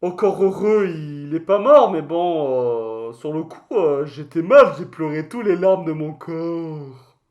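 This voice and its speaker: A man's voice: fairly high pitch, animated, slow. A man voicing a touchy, boastful mascot creature in a comic mock interview, rambling in crude slang. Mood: exasperated. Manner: slangy, crude, hesitant rambling storytelling with outbursts.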